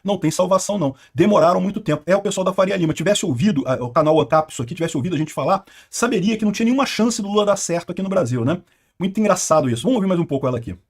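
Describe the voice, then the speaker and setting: Fast-talking, high-voiced Brazilian man. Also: expressive, husky. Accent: Brazilian Portuguese. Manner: fast, indignant, scornful remarks. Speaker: channel host reacting to news clips. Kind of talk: political react commentary.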